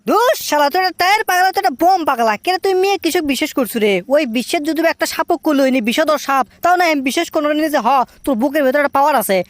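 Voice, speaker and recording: With no room sound at all, the recording catches a man playing a cheeky young cartoon braggart with a high voice and Bogura, Bangladesh accent. Very fast and mocking, he teases and scolds his lovesick friend in this comic dialogue, sounding dry and close.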